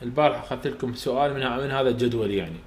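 A man's voice: medium pitch, very fast, roomy sound, faint music behind. A man with an Iraqi Arabic accent teaching English phonetics, explaining step by step and repeating sounds aloud for students to copy. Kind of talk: recorded lecture for students.

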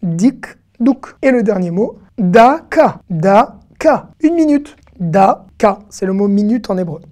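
A middle-aged woman teaching an online language lesson, patiently repeating each word slowly. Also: mid-range voice, lively intonation, mellow. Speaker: Hebrew teacher.

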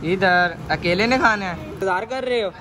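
A young man with a high-pitched voice talks at normal speed, casually narrating a phone-camera vlog as he heads to a bakery with children, coaxing them along with short prompts he repeats. Crowd noise is present, and clear street and shop sounds carry behind him outside and inside the small bakery.

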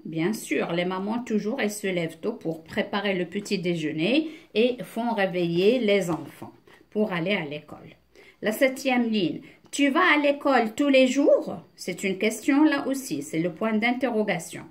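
A woman's voice: mid-range voice, animated. A woman teacher reading aloud and explaining a beginners' reading lesson, carefully, with hesitant fillers and restarted words. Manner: slow, deliberate reading with explanations.

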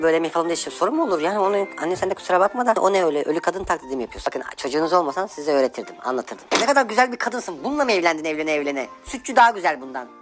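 A young woman doing a comic monologue as a sassy newborn baby, complaining and mocking her parents. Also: low-pitched. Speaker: comedian.

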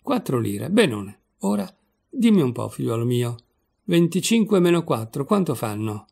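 A man's voice: mid-range voice, moderate pace, creaky, breathy edge, full character voice. A man doing an old pompous lawyer. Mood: smug lecturing. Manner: calm lecturing tone, calls others "my son". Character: old male lawyer, placid, pompous and stingy.

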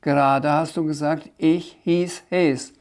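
A man voicing a cheeky, impatient, childlike creature in a storybook reading, loud and insistent. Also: a little high, fairly even intonation, slow pace, voice pushed up.

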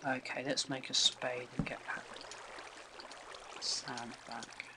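Slow and level in tone, a medium-pitched young man talks his way through a game as a let's play host, sniffling from a cold. His casual, thought-out-loud chatter is often quiet and murmured, set against noisy game music.

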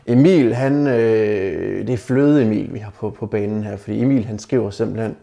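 Blunt gravelly man giving dating tips. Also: fairly low pitch, warm tone. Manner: blunt, mocking critique, addresses viewers as guys. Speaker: dating advice video maker. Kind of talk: casual advice commentary to camera.

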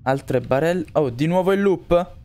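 A man's voice: fairly high pitch, moderate pace, warm tone. A young man commentating a horror game he is playing, jumpy and swearing, talking to his viewers. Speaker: gaming YouTuber.

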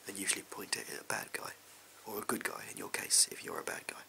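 A young man acts out a sleazy backstreet arms salesman in a whispered role-play with an English accent. The voice is very low and heavily creaky, with a sharp, hissing edge. He pitches his wares in furtive, offhand, clipped phrases. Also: quick pace, heavily acted. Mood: furtive, casual. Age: young adult. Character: shady, amoral backstreet gun salesman, casual and furtive. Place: small indoor room at home. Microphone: close to the camera.

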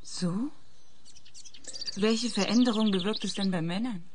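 An actress playing a calm, skeptical woman who answers in a dry, laconic way in an audio drama. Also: mid-range voice, a little slow, natural voice. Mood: cool skepticism. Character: calm, skeptical female interviewee, unimpressed. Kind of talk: German audio drama acting. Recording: noisy background with birdsong.

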